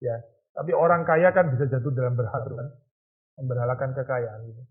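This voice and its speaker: A man's voice: medium pitch, fairly quick. A man, a pastor, teaching a youth Bible study in a conversational lecture, asking the group rhetorical questions. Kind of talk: informal lecture. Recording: tinny phone-like lo-fi recording.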